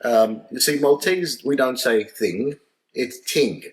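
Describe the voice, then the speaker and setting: A man co-hosting a family travel vlog, telling stories and jokes in a playful, deadpan way. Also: medium pitch, slow pace. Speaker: co-host, joke teller. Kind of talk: casual chat and joke telling.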